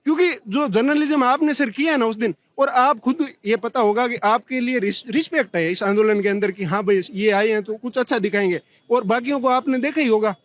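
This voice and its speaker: A young man from Bikaner speaking as a protester in a heated street interview, talking fast and pleading with indignation. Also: very high voice, dry recording. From Bikaner, India.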